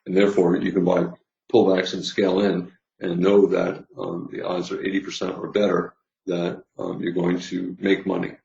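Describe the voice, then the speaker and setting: Low, gravelly man losing his voice. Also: completely flat delivery, normal speed, a little mellow. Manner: rambling, many fillers and restarts. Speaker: trading teacher. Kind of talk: casual trading lesson. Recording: roomy, slightly dull sound.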